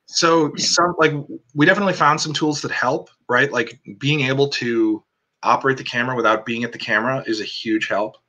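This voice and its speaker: A man's voice: medium pitch, steady tone, brisk, pushed and bright, dull audio. A man, a cinematographer guest, talking casually on a video call, rambling with lots of "like" and "um.". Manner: rambling, many "like" and "um" fillers.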